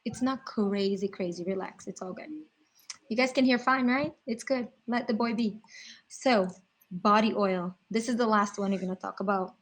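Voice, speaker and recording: A woman's voice: mid-range voice, normal speed. A woman from Brazil, explaining skin oils in a casual livestream chat, full of fillers and restarts. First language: Portuguese.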